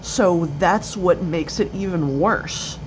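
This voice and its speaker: A 28-year-old woman speaks confessionally about her experience of stuttering in a video, her speech halting and broken up with an occasional stutter. Her voice sits on the low side, and the noisy recording was made on a cell phone.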